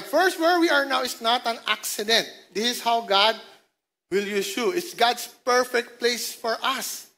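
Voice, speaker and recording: A woman's voice: fairly high pitch, a bit bright. A woman pastor with a Filipino accent preaching a sermon. She mixes languages, jokes with the congregation and keeps asking them to answer. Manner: mixes languages in quick phrases. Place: church service.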